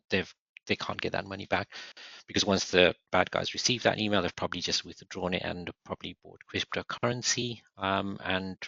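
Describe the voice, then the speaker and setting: A slightly hoarse man giving an unscripted online presentation, halting, with many restarts and fillers. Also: low voice, pushed and bright, no room sound. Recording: dull, lo-fi video call audio.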